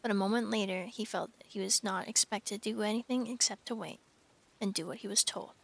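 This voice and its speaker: A woman's voice: medium pitch, steady tone, a little fast, gravelly. A young woman reading a novel aloud on a live stream, with wry asides and cooing at her cat.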